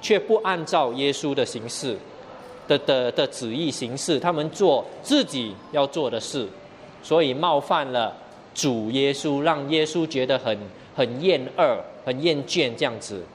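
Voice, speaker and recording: A man's voice: medium pitch, unhurried, a little hiss or hum. A man preaching a sermon, explaining scripture verse by verse and often asking the listeners rhetorical questions. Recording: long hall reverb, faint ambience.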